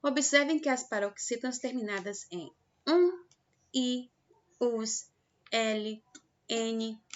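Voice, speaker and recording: A Brazilian woman teaching a lesson to children, slow and patient, stretching out example words to show the stressed syllable. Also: a little high, expressive. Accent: Brazilian Portuguese. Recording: dull lo-fi recording.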